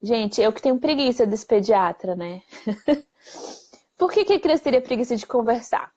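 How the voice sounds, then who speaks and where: A woman, a speech therapist answering viewer questions in a lively, plain-spoken way full of rhetorical questions. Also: fairly high pitch, normal speed. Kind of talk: live Q&A explainer. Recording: dull lo-fi livestream audio.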